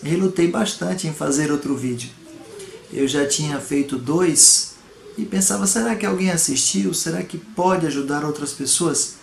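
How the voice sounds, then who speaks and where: A Brazilian pastor preaches a home video sermon with earnest, emphatic delivery, often posing rhetorical questions. His voice sits a bit high for a man. The room is echoey, with faint noise behind. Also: normal speed, gravelly. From Salvador, Brazil.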